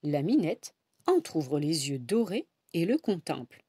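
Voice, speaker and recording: Animated woman reading a children's story. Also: low-pitched, unhurried, slightly rough, no echo. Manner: expressive, with swooping emphasis. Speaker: storybook reader. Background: background music.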